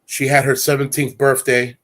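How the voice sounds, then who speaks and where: A man's voice: mid-range voice, little pitch movement, normal speed, fairly bright tone. Rambling man in his forties, casual. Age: 40s. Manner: rambling, candid, streetwise. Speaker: host. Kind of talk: casual chat.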